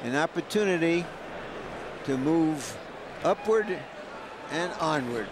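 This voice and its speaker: A man provides live boxing commentary at ringside. He speaks slowly in a high-pitched voice. Arena noise is clear behind him. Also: expressive. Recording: noisy live arena broadcast.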